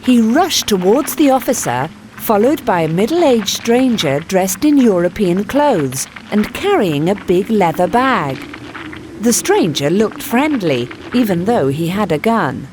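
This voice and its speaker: A woman reads a storybook chapter aloud, her voice lively and full of rise and fall. Clear background noise sits under the reading. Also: medium pitch, a little slow. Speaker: narrator.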